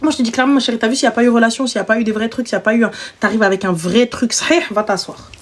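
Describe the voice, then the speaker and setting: A woman's voice: fairly high pitch, steady tone, racing. A woman hosting a live stream, giving blunt, teasing, slangy advice to callers in casual chat.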